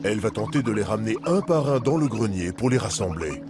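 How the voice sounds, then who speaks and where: A man's voice: lowish voice, animated, a little fast. A man reading scripted narration for a nature documentary. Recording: music behind the voice.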